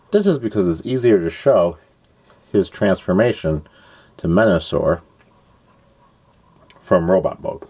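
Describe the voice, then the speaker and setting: A man with a very low voice hosts a casual build tutorial, walking through each step one by one. His pitch moves up and down a lot as he talks, and he drops in playful asides. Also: a little mellow, no room sound. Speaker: host of a toy-building channel.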